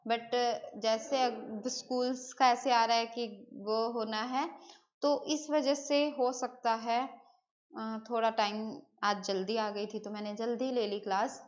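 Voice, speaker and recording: A woman's voice: on the high side, highs cut off. A woman teaching Hindi grammar in a live online class, talking casually and replying to students' messages, with English words mixed in. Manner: chatty, answers students' chat messages, mixes in English words.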